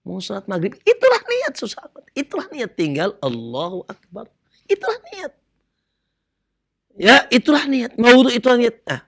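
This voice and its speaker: Lively, animated male preacher. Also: high-pitched, brisk, vocal fry. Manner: animated, asks the audience questions and acts out dialogues. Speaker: Islamic preacher. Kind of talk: religious lecture to a women's audience.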